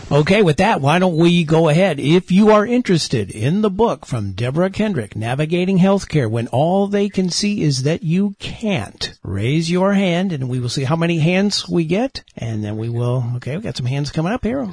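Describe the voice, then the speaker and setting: A man's voice: fairly high pitch, animated, moderate pace, few pauses, a little mellow, slightly rough, no room sound, clean studio sound. A man hosting an online call, with a radio-trained announcer delivery. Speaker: host.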